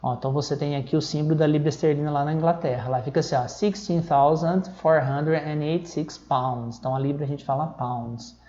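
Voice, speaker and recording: A Brazilian man teaching English numbers in a recorded lesson, explaining step by step and reading the numbers out slowly, often checking in with a quick "tá?". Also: on the high side, steady tone, dark tone, highs cut off. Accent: Brazilian Portuguese. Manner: checks in with frequent "tá?".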